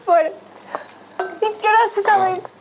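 A woman's voice: very high-pitched, fairly even intonation, slow, over loud music, poor audio. A young woman with a European Portuguese accent, co-hosting a game show in a casual, playful style. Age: young adult. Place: indoor game show studio.

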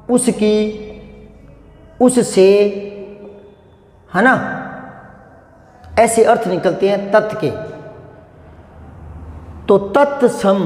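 A man with a cough teaching Hindi grammar in a patient, slow lesson, repeating points and asking rhetorical questions. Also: high-pitched, a little mellow. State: unwell with a cough. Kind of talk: explanatory classroom lesson. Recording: echoey room with long reverb.

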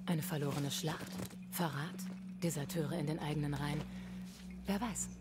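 An actress playing a composed, knowing female ghost companion in a video game, measured and serious. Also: deep voice, steady tone, very noisy, natural voice. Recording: loud game music over the voice.

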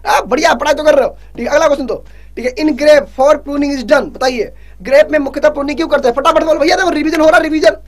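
A male exam prep teacher running a live online revision class. He keeps urging his students to answer quickly and teases them along the way. He reads each English question slowly, then explains it in Hindi. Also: extremely high pitch. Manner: urgent, pushes students to answer fast; teasing, scolds students jokingly.

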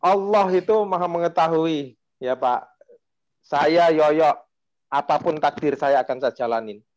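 A man's voice: on the high side, a little slow. A man, telling a story with feeling on a panel talk. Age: 40s. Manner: emotional, animated storytelling with acted quotes. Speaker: panel speaker, former regent. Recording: dull lo-fi sound.

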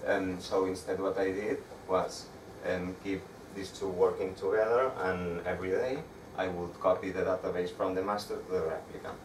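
Recorded from a distance by a camera, a young man with a Spanish accent presents technical slides to a meetup audience in a dark room lit by a projector screen. His low, flat voice falters with frequent restarts, and the echoey room carries noticeable background noise.

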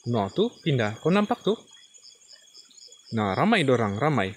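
Excitable man on a night ghost hunt. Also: medium pitch, measured pace, slight background noise. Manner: excited, talks straight to viewers. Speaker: ghost-hunting vlogger. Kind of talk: night exploration vlog. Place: outdoors at night.

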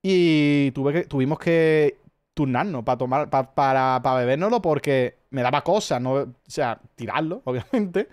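A man's voice: mid-range voice, a little slow, a little mellow. A man with an accent from Spain, chatting casually as a streamer, telling rambling stories full of swearing. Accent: Spanish from Spain. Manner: profane, rambling storyteller. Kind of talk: casual chat.

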